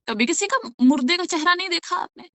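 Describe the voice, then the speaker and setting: A woman's voice: very high-pitched, animated, bright, forceful tone, dry recording. A woman teaching a religious lesson to a class of women, earnest, with many rhetorical questions and frequent check-ins with her listeners. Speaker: Quran teacher.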